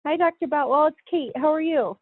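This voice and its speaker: A woman with a cold and a nasal voice, leading a conference call from home on her iPad, talking in a halting way with many pauses. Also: high voice, no room sound. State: congested with a cold. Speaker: call facilitator. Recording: dry, tinny phone-like call line.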